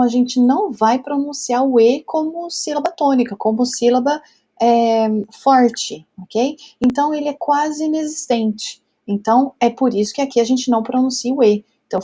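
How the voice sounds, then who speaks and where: A woman's voice: a little high, mellow, slightly rough. A Brazilian woman teaching French grammar step by step, patient, checking in often with her students. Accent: Brazilian Portuguese. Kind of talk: whiteboard grammar lesson.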